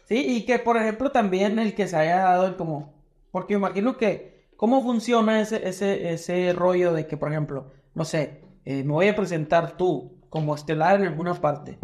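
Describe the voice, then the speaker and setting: High-voiced podcast host asking casual questions. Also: male voice, normal speed. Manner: relaxed questioning with short backchannels.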